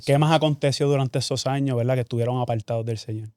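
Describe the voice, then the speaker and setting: A pastor hosting a church interview in a dry, close room, with a mellow, warm, mid-pitched voice. He speaks like a preacher, weaving in scripture and often checking in with "¿verdad?". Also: steady tone, fast talker, no room sound. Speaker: pastor host.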